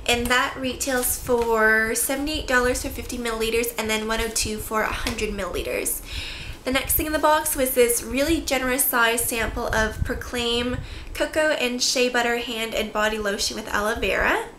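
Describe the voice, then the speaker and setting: A beauty vlogger in her twenties chats casually to camera about a product haul, her fairly high voice pushed and bright at a normal speed, often breaking off into little asides. She's in a small bare-walled room, and the echoey recording carries faint background noise.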